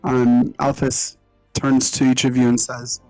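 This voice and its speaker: A man narrating as game master of a tabletop role-playing game in an unhurried, descriptive way. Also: medium pitch, monotone, darkish tone, no room sound, soft background music, low-quality recording.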